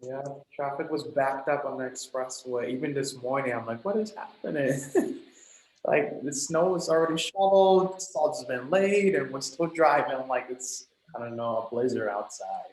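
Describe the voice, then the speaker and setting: A man's voice: mid-range voice, normal speed. A man coordinating an online class, chatting in an upbeat way and laughing easily on a video call. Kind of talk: casual chat. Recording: echoey room.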